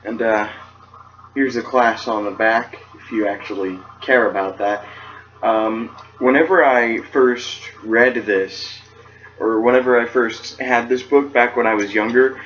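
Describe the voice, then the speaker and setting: A man's voice: medium pitch, fairly even intonation, unhurried, fairly bright tone, muffled recording. A teenage young man from California reading a children's book aloud, with dry, self-mocking asides. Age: late teens.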